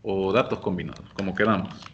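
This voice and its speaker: A man teaching a software class, explaining each step patiently and speaking directly to his students. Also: sits low, steady tone, a little fast, dull audio. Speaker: instructor. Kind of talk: screen-share software lesson.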